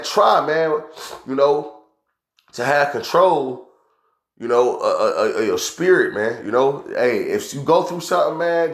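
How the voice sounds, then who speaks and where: Guy teaching scripture real casual, keeps saying man, roomy echo around him. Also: medium pitch. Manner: casual, calls listeners "man" constantly, many fillers. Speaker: preacher.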